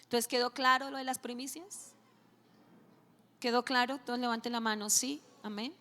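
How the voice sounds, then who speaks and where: A woman pastor preaching a sermon, telling a story with lively acted-out dialogue. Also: on the high side, moderate pace. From Colombia. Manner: animated storytelling, acting out dialogue. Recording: long hall reverb with faint music.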